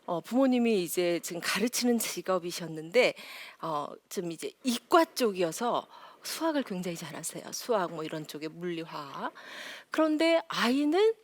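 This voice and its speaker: A woman giving a lively parenting lecture, acting out quotes in high voices and dropping to near whispers for emphasis. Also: dry recording. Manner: animated, acts out quotes in high voices, laughs often. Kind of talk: lively lecture to a live audience.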